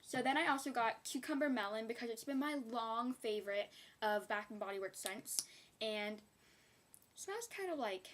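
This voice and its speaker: A woman's voice: fairly high pitch, expressive, moderate pace, slight background noise. A young woman chatting casually in a beauty haul video, rambling with giggly asides. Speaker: beauty vlogger.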